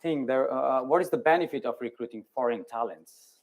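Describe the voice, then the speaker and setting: A man in his thirties from Nepal speaking on a conference panel in a measured, explanatory way. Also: medium pitch, dull audio. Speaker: clinical study manager on a panel.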